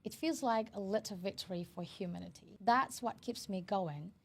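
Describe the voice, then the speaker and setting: A woman in her thirties from Hanoi, Vietnam, speaks with a mid-range, slightly rough, creaky voice at normal speed. An educator and CEO appearing as an interview guest, she tells her story earnestly in non-native phrasing with a Vietnamese accent.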